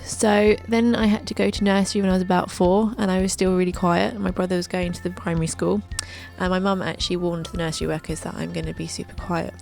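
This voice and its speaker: A young woman in her twenties tells her life story as scripted narration, with light joking asides along the way. Her voice sits low and carries a gravelly, creaky edge, with soft music faintly behind her. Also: little pitch movement, fast talker, hardly any pauses. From England. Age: 20s. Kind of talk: scripted narration over a drawing video.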